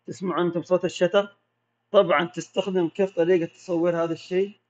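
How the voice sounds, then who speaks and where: Man, Gulf Arabic accent, slightly high voice, casual Q&A, muffled lo-fi sound. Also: fast. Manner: relaxed, explanatory, reads questions aloud. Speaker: macro photographer answering viewer questions. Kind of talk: casual live Q&A. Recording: dull lo-fi audio.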